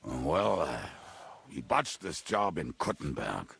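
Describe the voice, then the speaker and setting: Casting: blackout-drunk medieval henchman in a game, gravelly and bitter, with big swings in pitch. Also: very animated, slow pace, a bit bright, no room sound, heavily acted. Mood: bitter, defensive. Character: drunken, gruff, bitter male robber and henchman. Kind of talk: video game dialogue acting.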